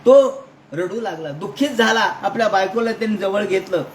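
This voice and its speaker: High-voiced man telling a scripture story. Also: normal speed. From Maharashtra, India. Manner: dramatic retelling that shifts between voices and asides. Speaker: scripture lecturer. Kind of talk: storytelling religious discourse. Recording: echoey room with faint noise.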